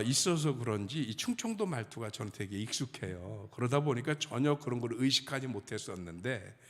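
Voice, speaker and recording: A middle-aged male pastor from Chungcheong, Korea, preaches in a loose, humorous storytelling way. His pitch rises and falls with lively swings. His voice trails off into the long reverb of a church sanctuary. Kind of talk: sermon.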